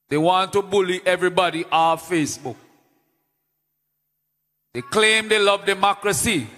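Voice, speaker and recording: A man with a Vincentian accent hosting a live stream as DJ. He talks loudly and playfully, chanting call-outs to the audience. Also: sits high, big-room sound. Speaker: livestream host and DJ.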